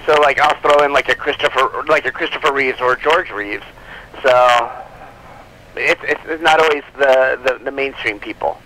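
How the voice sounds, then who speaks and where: Calling in on a noisy phone line, the comic book publisher speaks at normal speed with a bright, forceful, medium-pitched voice. As the interview guest, he rambles casually and packs his talk with "like" and "you know."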